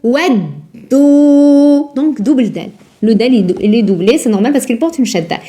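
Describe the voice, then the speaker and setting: A woman teaching Quran recitation rules in a live lesson, patient and repetitive, drilling words slowly and asking her students questions. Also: a little high, animated, dark tone. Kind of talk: live online tajwid lesson.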